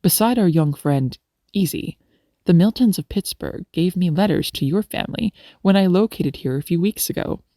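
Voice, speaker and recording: Lady voicing a friendly young doctor guy, deeper voice, teasing and polite, dry sound. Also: expressive, moderate pace, dark tone, no echo. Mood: genial. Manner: courtly, teasing, lowered voice.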